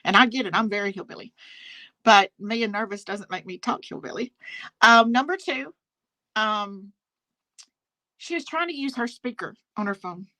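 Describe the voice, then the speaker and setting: A Southern American woman comments on drama in a laid-back live-stream chat, leaning on emphasis and repeated phrases. Her mid-range voice sounds pushed and bright, at normal speed with frequent pauses. The recording, made on a phone on speakerphone, is rough.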